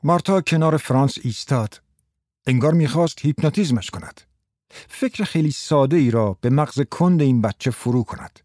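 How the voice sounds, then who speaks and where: A man reading a story aloud in a steady, measured narration. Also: mid-range voice, no room sound, studio quality. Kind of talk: scripted audiobook narration.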